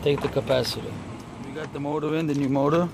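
A man's voice: on the high side, fast, gravelly. A young man working as an HVAC technician, narrating his repair job in a blunt, profane, joking way while filming with a handheld phone on a building rooftop. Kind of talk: casual on-the-job vlog narration. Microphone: handheld phone camera. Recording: noisy rooftop with air-conditioning units. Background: air-conditioning hum and traffic.

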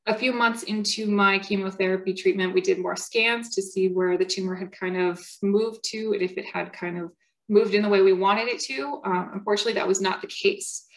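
A young woman speaking as a patient at a symposium, giving a personal testimony in an earnest, halting way with many fillers and restarts. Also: medium pitch, fairly even intonation, poor audio.

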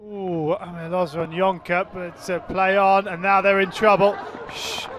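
A man's voice: high voice, flat delivery, moderate pace, noisy background. A man giving live field hockey commentary as a match commentator. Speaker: sports commentator. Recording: loud crowd and music behind.

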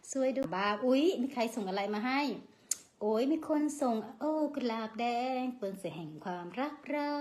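A woman's voice: mid-range voice, a little mellow. A woman with an Isan accent, hosting a casual live stream, reading out and thanking viewer comments. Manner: chatty, reads out viewer comments and thanks them; refers to herself by name in the third person.

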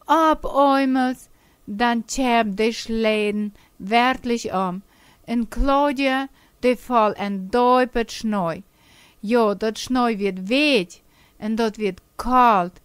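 An older woman telling a children's story slowly and gently. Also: fairly high pitch, smooth, dry recording. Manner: slow, gentle storytelling with dialect words.

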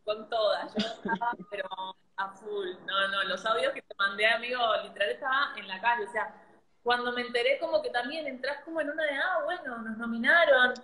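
A woman producer chatting excitedly and emphatically. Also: fairly high pitch, brisk. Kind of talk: casual chat. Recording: roomy echo.

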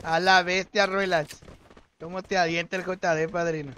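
High-voiced Mexican guy streaming a game. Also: flat delivery, normal speed, pushed and bright, a little hiss or hum. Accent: Mexican Spanish. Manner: joking, teasing chat and teammates, slangy. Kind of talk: livestream gaming chat.

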